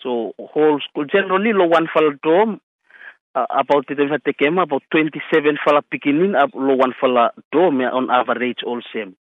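A man's voice: a little high, fairly quick, dry recording. A man with a Solomon Islands accent speaking Solomon Islands Pidgin as an interviewee in a radio news interview. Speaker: school health committee chairman being interviewed. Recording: tinny phone-like radio line.

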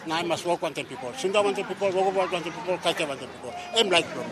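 A man's voice: a little high, rapid-fire. A man with a Papua New Guinean accent speaking Melanesian pidgin outdoors, giving his opinion in repetitive, list-like phrases. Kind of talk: vox pop on an election, in Melanesian pidgin. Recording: outdoor street with crowd noise.

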